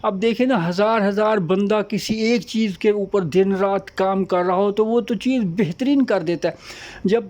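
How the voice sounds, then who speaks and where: A man's voice: high-pitched, a little mellow. A man giving a casual, rambling monologue as host, piling up repeated phrases and lists.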